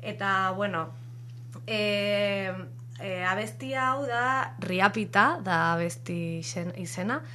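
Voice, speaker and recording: A woman's voice: medium pitch, slow pace, bright, forceful tone, slight background noise. A woman on a radio chat show, presenting a song hesitantly and with many fillers.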